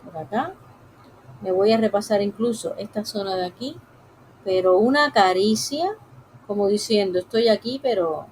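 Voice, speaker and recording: Woman, gentle drawing tutorial, mid-pitched voice, faint background hiss. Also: poor audio. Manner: soft, unhurried, talks while drawing; addresses viewers directly. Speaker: drawing teacher. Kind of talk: live-streamed drawing lesson.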